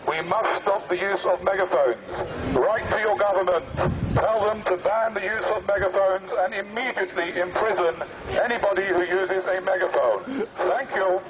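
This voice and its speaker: Man making deadpan megaphone announcements. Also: high-pitched, moderate pace, few pauses. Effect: speaking through a megaphone. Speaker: street prankster making mock announcements. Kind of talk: mock public announcements. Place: busy outdoor public square. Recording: muffled megaphone with street noise.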